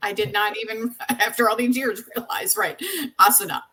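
A woman hosting a podcast conversation, chatty and quick to laugh while leading through slides. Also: a little high, creaky, a bit bright, a little hiss or hum, poor audio. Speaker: podcast host.

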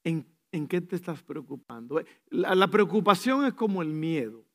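A male pastor preaching a sermon, animated, acting out little scenes, swinging between soft, slow asides and loud bursts, and dropping in English phrases. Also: fairly high pitch.

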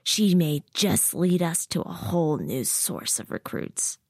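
A man's voice: a little high, sing-song, a little slow, dry recording, studio quality, exaggerated voice. A woman narrator voicing a cold, menacing male military officer who taunts through clenched teeth.

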